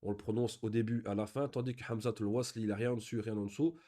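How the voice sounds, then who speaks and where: A man teaching an online beginners' Arabic reading class, patiently reading example sentences slowly and then explaining each point step by step. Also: on the low side, fairly even intonation, warm tone.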